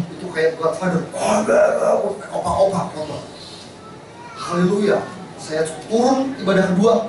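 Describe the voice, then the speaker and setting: A man preaching a sermon to a congregation, telling stories in a lively, conversational way. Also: high-pitched. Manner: lively storytelling, addresses congregation as Bapak Ibu. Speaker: pastor. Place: large church hall. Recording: echoey hall, distant mic, background noise.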